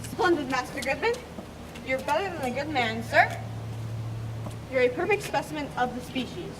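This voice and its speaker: Flattering manservant, played by a woman, deferential, high-pitched, stage comedy, distant and noisy recording. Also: moderate pace. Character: flattering, obedient manservant to a rich gentleman.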